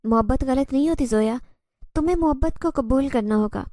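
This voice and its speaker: A woman's voice: high-pitched, mellow, dry recording, close to an everyday voice. A woman voicing an obsessive, possessive male jinn who speaks intensely and insistently in a horror story.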